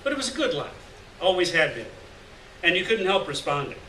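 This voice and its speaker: At a live literary event in a small indoor gallery, a middle-aged man reads a short story aloud, acting out the dialogue expressively in a high, sing-song, brisk voice that's pushed and bright. He's on a gooseneck mic at a lectern, filmed by a far camera, so the sound is roomy and distant with faint background noise.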